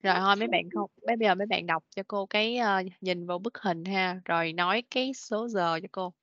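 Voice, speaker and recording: Medium in pitch and a little bright, a woman's voice comes through a dry recording as she teaches children English in an online class. She patiently corrects pronunciation, repeats words slowly, and often says "rồi, ok." The sound is a dull, lo-fi video call meeting capture.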